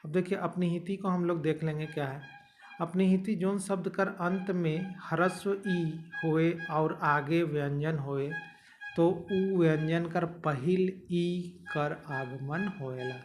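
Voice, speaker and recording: Casting note: young male tutor, slightly high voice, patient step-by-step explaining. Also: slow, noisy background. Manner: explains step by step, repeating and checking "ठीक है". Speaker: teacher. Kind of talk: exam-prep grammar lesson.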